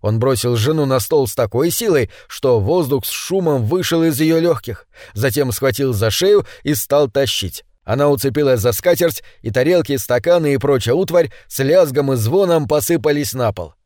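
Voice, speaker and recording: A man narrating an audiobook with measured, dramatic reading. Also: medium pitch, animated, a little mellow, no echo, studio quality. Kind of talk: scripted narration.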